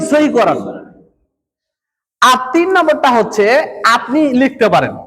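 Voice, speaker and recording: A man's voice: extremely high pitch, a bit bright. A man, training madrasa teachers in a lecture and repeatedly quizzing his audience. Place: madrasa hall. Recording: echoey hall with long reverb.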